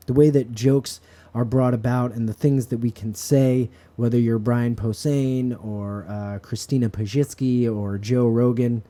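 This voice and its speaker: A man with a very dark, mellow voice delivers a reflective monologue to camera. He sounds earnest and philosophical, musing at a mid-range pitch. It is recorded in a bedroom. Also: fairly even intonation, measured pace, few pauses. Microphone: camera set up in front of him.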